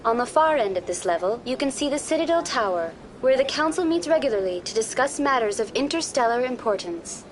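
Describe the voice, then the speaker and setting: Game figure: a smooth, too-perfect android tour guide played by a woman, evenly polite and formal, pitched a touch high. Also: expressive, brisk, few pauses, slight background noise, natural voice. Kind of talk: video game voice acting. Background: music.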